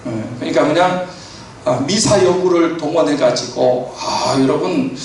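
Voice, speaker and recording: A man's voice: a little high, a little slow, a little hiss or hum. A man preaching a sermon as pastor in a church, in a conversational way with many fillers and affirmations. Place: church sanctuary. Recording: echoey church hall from far off.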